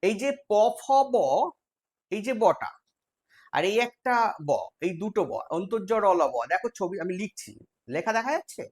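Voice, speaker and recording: A man's voice: high voice, animated, moderate pace. A man with a West Bengal accent teaching a live online exam-prep class, explaining step by step and quizzing his students.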